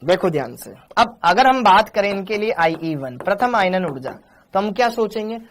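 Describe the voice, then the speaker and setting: A man's voice: sits high, very animated, moderate pace, fairly bright tone, slight background noise. A man teaching a live online chemistry class, coaxing and teasing his students as he reads their chat messages.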